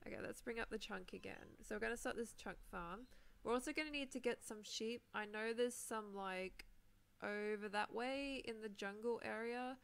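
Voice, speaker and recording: Recovering from a sore throat, a young Minecraft streamer from New Zealand chats casually while she plays on a live stream, rambling, using fillers and laughing often. Her voice sits on the high side at normal speed, both gravelly and smooth.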